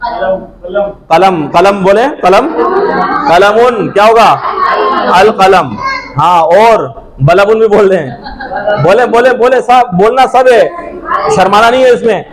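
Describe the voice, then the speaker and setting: Guy teaching a class, kinda high voice, loud, keeps asking and repeating prompts. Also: slow pace, long pauses, crowd noise, poor audio. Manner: drills students with repeated questions and prompts. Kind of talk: classroom grammar lesson.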